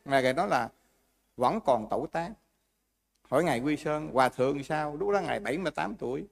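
A man gives a Buddhist dharma talk in a fairly high voice. He explains with homely examples and keeps turning to the listeners with questions. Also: racing, creaky. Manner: explains with everyday examples, asks the audience questions. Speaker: Buddhist monk teacher.

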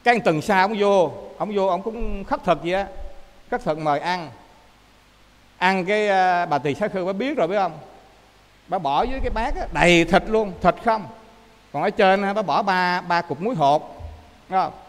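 A man with a Southern Vietnamese accent, a Buddhist monk giving a lively dharma talk that often checks in with his listeners. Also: high voice, normal speed, long pauses, in a large hall. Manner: lively storyteller, often asks listeners to confirm.

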